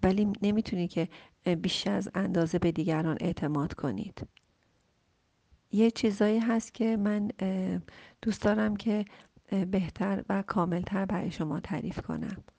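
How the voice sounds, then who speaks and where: Woman counselor with a gravelly voice, soft and slow, drifting into whispers, dry close sound. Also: medium pitch, no room sound. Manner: gentle, repeats key phrases. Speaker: family counselor answering a listener question. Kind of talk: calm advice talk.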